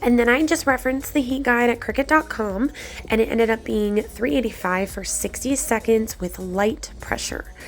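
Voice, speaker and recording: A woman with a breathy, slightly congested voice from a cold, narrating a craft tutorial in a chatty, encouraging way. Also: a little high, normal speed. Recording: background music under the voice. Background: music.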